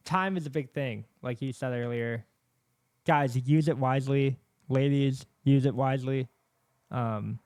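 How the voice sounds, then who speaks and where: A man's voice: mid-range voice, darkish tone, dry recording. Man with a lisp, dry close sound. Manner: rambling, earnest, heavy on fillers. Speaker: podcast host. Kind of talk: casual podcast chat. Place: podcast set with camera and microphones. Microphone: studio microphone.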